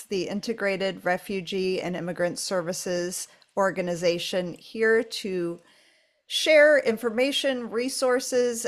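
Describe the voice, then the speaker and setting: A woman introducing a guest speaker at a library event, welcoming and hesitant with fillers. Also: mid-range voice.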